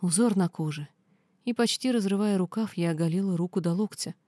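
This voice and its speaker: A woman reading a first-person fantasy novel aloud in steady storytelling. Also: fairly low pitch, fairly quick, no room sound, studio quality. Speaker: audiobook reader.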